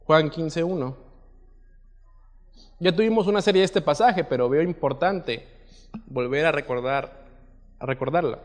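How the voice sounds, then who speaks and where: A man's voice: fairly high pitch, unhurried, long pauses. Man preaching in a reverberant church hall. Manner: reads scripture aloud with swelling emphasis, questions the congregation. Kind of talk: sermon.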